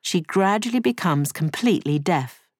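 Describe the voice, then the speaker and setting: A woman narrating a cartoon story in a scripted, clear storybook manner. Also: lowish voice, expressive, normal speed, a little mellow, no room sound, studio quality.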